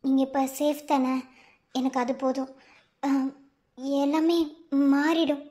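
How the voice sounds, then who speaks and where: A woman's voice: high-pitched, fairly even intonation, takes it slowly, mellow. An actress playing a loyal young woman who comforts her frightened friend. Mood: comforting. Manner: comforting, then pleading. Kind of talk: TV serial acting.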